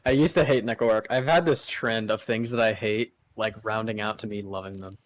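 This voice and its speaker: A man's voice: fairly low pitch, fairly even intonation, a little fast, slight background noise. A man co-hosting a casual podcast chat with friends, telling a story in an easygoing way. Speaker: podcast co-host.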